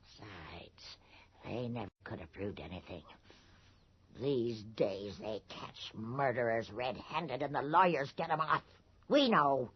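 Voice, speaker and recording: An actress in a 1980s radio horror drama plays an anxious, gossipy rural townswoman, delivering an ominous warning. Her full character voice is rumbling low, expressive, slow and slightly rough. The folksy, ungrammatical speech is hushed and foreboding, and the radio drama recording sounds dull and lo-fi.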